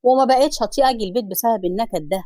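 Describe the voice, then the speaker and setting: Woman as an exasperated Egyptian husband, lowered voice, quick delivery, storybook. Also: warm tone, no echo, close to an everyday voice. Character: frustrated middle-aged husband, torn between family.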